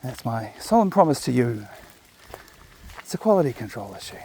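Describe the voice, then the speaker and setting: A medium-pitched man with big swings in pitch talks at a moderate pace in a mellow voice, with a little hiss or hum behind him. He's a laid-back New Zealand vlogger rambling outdoors as he walks his dog on park trails, filmed with a chest-mounted camera. His casual monologue is chatty and full of jokey asides.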